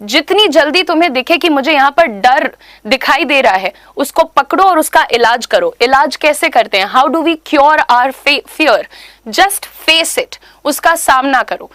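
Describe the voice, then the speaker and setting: A young Indian-accented woman teaches a spoken English class in a high, unhurried voice. She talks emphatically and repeats key points. The sound is close and dry. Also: animated, a bit bright, no room sound. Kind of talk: online class lecture in mixed Hindi and English.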